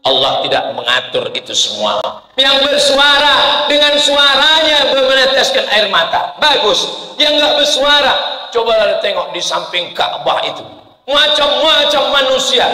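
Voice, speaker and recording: A man's voice: sits high, sharp tone. A man preaching a humorous mosque sermon, breaking into chanted prayers. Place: mosque hall. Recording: echoey hall reverb.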